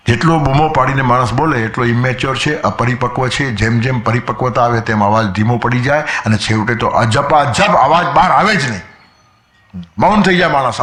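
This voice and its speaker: With a middle-pitched, slightly bright voice in a roomy, echoing space, this man delivers a spiritual discourse as a story. He cites old verses and now and then imitates the people in his anecdotes.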